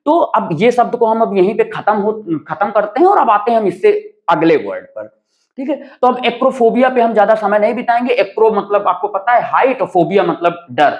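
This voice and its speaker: A man's voice: sits high, very animated, moderate pace, highs cut off. A man teaching a vocabulary lesson, explaining word roots step by step, often checking in with a rising "right?" and mixing in English terms. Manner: addresses viewers fondly as children.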